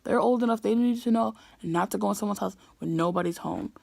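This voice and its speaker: Young woman, 18, vlogger, fed-up storyteller, gravelly, dry close sound. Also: mid-range voice, fast talker, darkish tone, no echo. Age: young adult, 18. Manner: exasperated, ranting. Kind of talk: casual storytime vlog.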